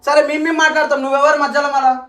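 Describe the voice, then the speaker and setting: Fast, angry young man with a Telangana accent. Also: very high voice, level tone. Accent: Telangana Telugu. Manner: angry, accusing, rapid-fire. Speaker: vlogger. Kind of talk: heated couple argument. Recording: roomy echo.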